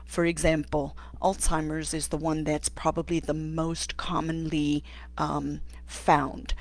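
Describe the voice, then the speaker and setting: A middle-aged woman from Africa, an occupational therapist hosting a live stream and answering viewer questions, thinking aloud with many pauses and restarts. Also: low voice, little pitch movement. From South Africa. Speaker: host.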